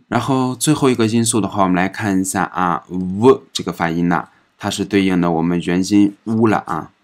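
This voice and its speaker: A man with a very low voice teaching a recorded pronunciation lesson at an unhurried pace. He explains each rule patiently, softening his phrases with small particles, and stretches out each example word, saying it again and again. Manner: repeats each example word several times, drawn out. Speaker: French language teacher.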